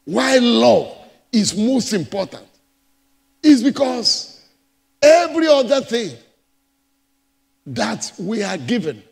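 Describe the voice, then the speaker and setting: Pastor preaching, high voice, gravelly, big reverb in the church hall. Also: male voice, very animated, slow pace, pauses often. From Nigeria. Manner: emphatic preaching with repetitions and swings between loud and soft. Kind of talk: sermon.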